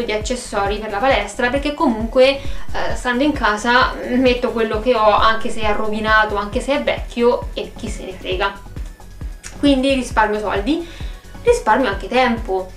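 A woman with a fairly high voice chats expressively to the camera like a vlogger, casually, from a small room at home. The room rings noticeably, and music plays in the background of this roomy, echoey recording.

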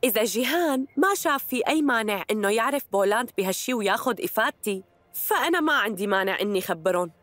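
A woman's voice: fairly high pitch, lively intonation, fast talker, fairly bright tone, no echo, soft background music. A woman dubbing a bold young woman who hosts her own online show and speaks to her viewers with brash confidence. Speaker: dubbing actress. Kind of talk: Arabic dub of a TV drama.

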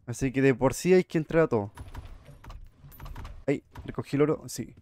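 A man's voice: medium pitch, normal speed, darkish tone, a little hiss or hum. A man giving jumpy, chatty horror game commentary, talking to his viewers. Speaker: gamer streamer.

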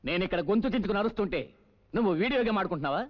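An actor playing an exasperated senior police officer in a dubbed film, lecturing a subordinate. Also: male voice, sits high, animated, very fast, muffled recording, a little hiss or hum. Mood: scolding. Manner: scolding, lecturing. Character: stern, exasperated male police superior.

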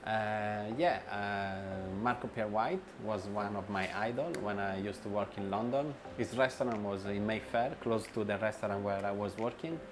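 Background music and other noise sit under a man in his forties, a chef who owns a restaurant, as he answers interview questions in a bright indoor room with a light wall. His lowish voice moves at normal speed with few pauses, yet his answers are hesitant, with plenty of fillers, restarts and grammar slips.

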